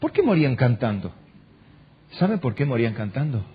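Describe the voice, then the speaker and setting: Husky-voiced Argentine preacher man. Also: medium pitch, big pitch swings, fairly quick, lo-fi sound. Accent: Argentine Spanish. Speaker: pastor. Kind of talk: sermon. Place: church.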